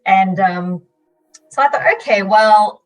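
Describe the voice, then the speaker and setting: A young woman from Malaysia tells her stories in a lively, easy way and often laughs. She sounds a little distant from the mic. Soft music plays underneath. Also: mid-range voice, slow. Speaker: podcast guest. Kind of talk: casual storytelling interview.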